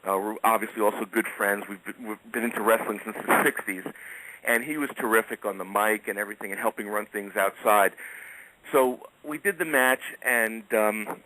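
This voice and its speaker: A man's voice: fairly low pitch, moderate pace, pushed and bright, a little hiss or hum, rough recording. A middle-aged man telling casual anecdotes as a radio guest, chatty and chuckling often.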